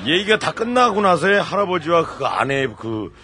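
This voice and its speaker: A male radio co-host bantering in a chatty, animated way. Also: fairly high pitch, normal speed.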